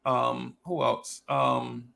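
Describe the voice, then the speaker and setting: A man's voice: medium pitch, little pitch movement, drawn-out words, vocal fry, pushed and bright. A middle-aged man in a casual podcast chat, talking emphatically and teasing the others. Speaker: podcast panelist.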